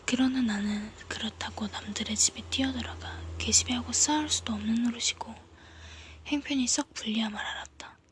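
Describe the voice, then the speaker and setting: A woman reading a story as ASMR in a soft, hushed, breathy whisper, as if leaning in close to whisper. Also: a little high, fairly even intonation, brisk, a little hiss or hum. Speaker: ASMR reader.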